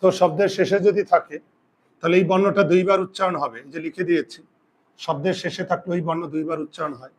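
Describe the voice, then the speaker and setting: A male teacher with a fairly high voice leads a classroom grammar lesson. He puts questions to his students and answers them himself. He slows right down to dictate each rule for them to write down. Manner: slow deliberate dictation of rules.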